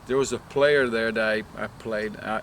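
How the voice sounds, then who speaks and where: A man's voice: on the low side, fairly even intonation, moderate pace, vocal fry, fairly bright tone. Brazilian-born man, outdoor traffic noise. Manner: rambling, many restarts and "you know" fillers. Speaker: head women's soccer coach. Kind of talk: casual interview.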